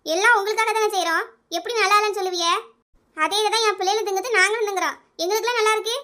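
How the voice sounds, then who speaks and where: A woman's voice: fairly even intonation, bright, forceful tone. A woman playing a village housewife who argues back at her husband about her cooking in a comic skit. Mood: indignant. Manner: shrill, quick, arguing back.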